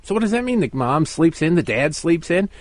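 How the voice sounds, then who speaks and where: A man's voice: fairly high pitch, very animated, fairly quick, no echo. A middle-aged American man filling in as a talk radio host, delivering an opinionated monologue with sarcastic, mocking asides.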